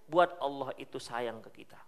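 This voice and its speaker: A male Islamic preacher with a Medan Indonesian accent, giving a sermon full of lively storytelling that swings between loud emphasis and soft hushed asides. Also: mid-range voice, moderate pace.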